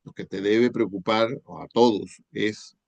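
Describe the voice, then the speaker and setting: A man's voice: lowish voice, steady tone, slow pace, darkish tone, breathy edge, no room sound, highs cut off. A middle-aged man giving a university lecture on spelling, explaining step by step and checking in with rhetorical questions. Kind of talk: class lecture on spelling rules.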